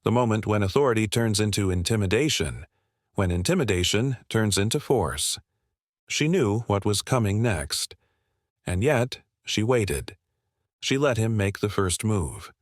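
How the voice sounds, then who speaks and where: A man narrates a scripted dramatic story in a steady, even reading at a measured pace. His voice sits on the low side and sounds dry and close, with no room around it and no echo.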